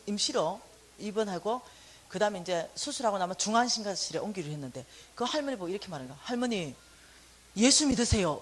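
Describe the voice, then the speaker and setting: A woman's voice: lowish voice, a little hiss or hum. A middle-aged woman giving a sermon testimony, telling her story with animation and acting out the dialogue. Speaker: church lay teacher giving testimony.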